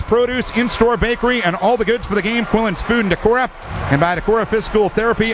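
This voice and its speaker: An American man giving live football play-by-play in clipped, telegraphic phrases. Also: sits high. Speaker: play-by-play sports announcer. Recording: clear noise behind voice.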